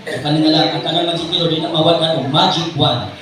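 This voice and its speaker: A man with a Visayan Filipino accent works a live party as magician and host, playfully calling out prompts and running audience games. His voice is on the high side, fast and fairly even in intonation. A distant mic captures him in an echoey venue full of loud music and crowd noise.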